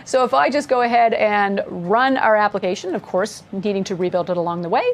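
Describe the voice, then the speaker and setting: A woman's voice: mid-range voice, brisk, slight background noise. A woman co-teaching a live coding lesson, chatty and upbeat as she explains while typing. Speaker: course instructor.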